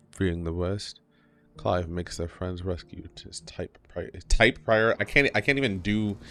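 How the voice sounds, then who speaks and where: Streamer, male, low gravelly voice, rambling and profane, at a home setup with the mic just under his mouth. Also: a little hiss or hum. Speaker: game streamer. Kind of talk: casual live-stream chat. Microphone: mic just below the mouth.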